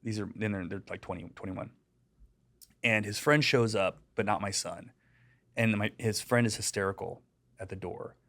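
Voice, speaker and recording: A man's voice: lowish voice, normal speed. A middle-aged American man, a deputy and digital safety educator, telling stories casually in an interview, full of fillers and acting out the people he quotes. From United States. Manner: animated, lots of fillers, acts out quoted people.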